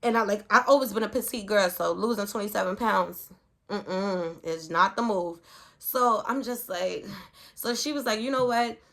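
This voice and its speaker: A pregnant woman vlogging, telling a story casually to camera in an animated, rambling way full of "like". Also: medium pitch, moderate pace. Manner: animated and rambling, leaning heavily on "like". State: pregnant, with hiccups and heartburn.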